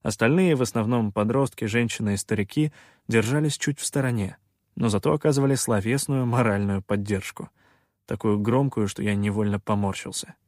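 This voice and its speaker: A man narrating a first-person fantasy audiobook in a measured, expressive storytelling voice. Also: on the low side, dry recording, studio quality.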